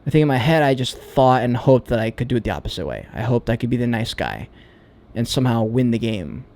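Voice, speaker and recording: A man speaks to camera in a candid, self-questioning monologue. His voice sits at a middle pitch for a man, and he often hesitates and restarts as he works his thoughts out. He drops casual swear words along the way. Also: sing-song, brisk, gravelly, a little mellow. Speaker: vlogger.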